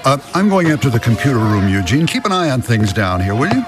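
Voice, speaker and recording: Man acting a weary older gentleman, expressive. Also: medium pitch, fast talker, over music, lightly acted. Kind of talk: radio drama acting.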